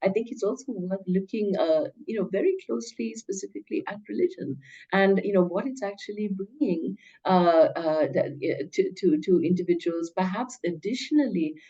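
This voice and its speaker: A middle-aged woman speaking as an academic researcher in an interview, hesitant and measured, often repeating words as she reasons. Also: mid-range voice, warm tone, muffled recording. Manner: hesitant, stammering, measured scholarly phrasing. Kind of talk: interview answer, academic discussion.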